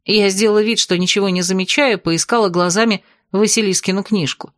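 A woman narrating a first-person audiobook in a lively, expressive way. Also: mid-range voice, fairly quick, no echo, clean studio sound.

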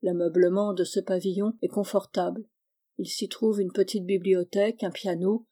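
A woman reading the part of a composed male doctor who explains things in a measured, reassuring way. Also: medium pitch, level tone, mellow, close to an everyday voice.

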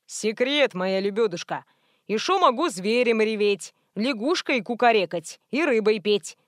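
A woman's voice: on the high side, expressive, unhurried, no room sound, studio quality. A woman playing a clowning prankster guy. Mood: teasing. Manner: playful, clowning. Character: joking, teasing male friend, a prankster.

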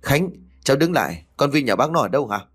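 A man voicing an anxious, guilt-ridden middle-aged father who pleads gruffly under strain. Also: mid-range voice, very animated, fast talker, fairly bright tone, voice pushed up. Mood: desperate.

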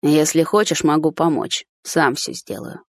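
A sly older man, voiced by a woman reading an audiobook, drawls his lines slowly, teasing and unhurried. The voice sits low and a little husky. It is recorded dry and close. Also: fairly even intonation, no room sound. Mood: coaxing.

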